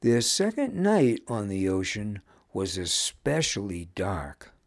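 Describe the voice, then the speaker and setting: A male narrator reading a children's storybook very slowly, with an animated, rising and falling delivery. The recording is dry and close. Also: fairly low pitch, no room sound. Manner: slow, expressive storytelling voice shifting for each character.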